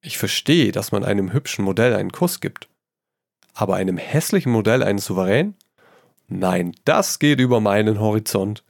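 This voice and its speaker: A man's voice: on the low side, normal speed, gravelly, dry recording, clean studio sound. A man reading a story aloud, voicing a witty, worldly painter who teases his friend and tosses in French phrases. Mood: teasing. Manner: lively, amused, tossing in French phrases. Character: witty amused male painter, worldly and teasing.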